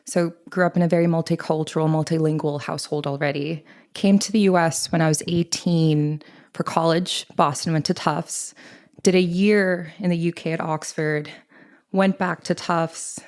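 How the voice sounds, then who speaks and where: A woman's voice: deep voice, fairly even intonation, normal speed, darkish tone. A woman in her twenties from Thailand, speaking as a guest in a podcast interview, earnest and reflective. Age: 20s. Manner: earnest, reflective, with many likes. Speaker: guest, literary editor. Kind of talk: conversational interview.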